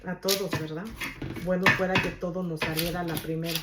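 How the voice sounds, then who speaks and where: A woman's voice: lowish voice, flat delivery, fairly quick, reverberant, very noisy. A woman from Guadalajara with a Mexican Spanish accent, demonstrating a recipe at home and chatting casually with her viewers. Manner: chatty, stubborn, keeps asking "¿ok?". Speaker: cooking video host. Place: home kitchen.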